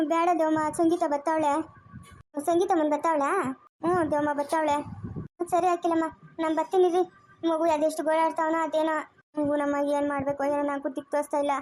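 A rural village wife with a Chikkaballapur Kannada accent, played by a woman, speaks in a very high voice. She talks fast and with feeling, scolding and pleading in a family drama. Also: a little mellow, natural voice.

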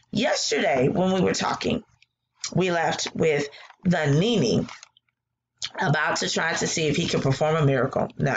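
Working from her living room, a woman with a lowish voice teaches a read-aloud lesson through a laptop webcam placed close to her. She reads to her class in an animated, encouraging way, praising students' answers. A slight hiss or hum runs underneath.

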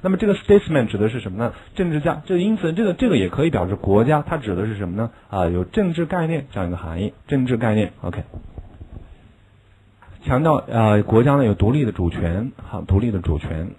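A man teaching English vocabulary in a classroom lesson, explaining in Chinese and drilling words slowly, with a chuckle at his own asides. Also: mid-range voice, very animated, dark tone, low-quality recording.

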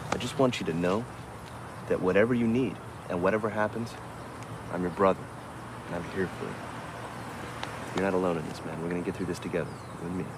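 A man's voice: low voice, fairly even intonation, quick pace, pauses often, background noise, close to an everyday voice. An actor playing an earnest, reassuring man who comforts his brother and girlfriend in a film scene. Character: man, caring but flustered friend and boyfriend.

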